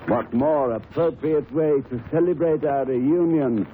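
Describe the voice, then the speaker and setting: A man's voice: a little high, a little slow, lightly acted. A tinny 1930s radio drama recording with faint noise. A man plays a genial old English doctor, an avuncular storyteller who chats and savors his reminiscences. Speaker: storyteller narrator.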